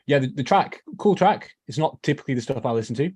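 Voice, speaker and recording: A man's voice: medium pitch, expressive, fast talker, a little mellow, slightly rough. A man from Brisbane, giving casual, conversational comments as a panel reviewer. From Brisbane, Australia. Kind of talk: casual chat.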